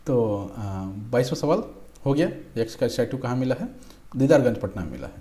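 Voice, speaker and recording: A man's voice: medium pitch, lively intonation, a little fast, warm tone. A young man teaching exam-prep history, patiently reading out quiz options and answers. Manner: patient, repeats "ठीक है", reads options aloud. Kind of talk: explaining quiz questions.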